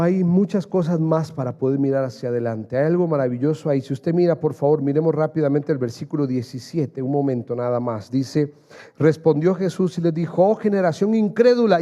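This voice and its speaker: A man's voice: on the high side, mellow, dull audio. A male pastor preaching an earnest sermon in church, building to emphatic raised passages and calling his listeners dear brother.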